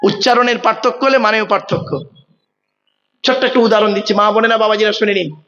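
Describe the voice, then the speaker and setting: Guy with a high voice preaching at a big gathering, keeps asking the crowd stuff, long hall echo, dull lo-fi sound. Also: steady tone, fast talker, sharp tone. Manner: quizzing the crowd, stressing pronunciation. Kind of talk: Bengali waz sermon. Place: large outdoor religious gathering.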